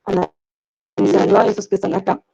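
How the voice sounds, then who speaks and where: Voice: mid-range voice, level tone, moderate pace, creaky, dark tone, no echo. Lecturer on a choppy, breaking-up call. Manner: explains step by step, thinks aloud with fillers. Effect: choppy video-call audio cutting out. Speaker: university lecturer. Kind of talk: online class lecture. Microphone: video call. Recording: dull lo-fi call audio with dropouts.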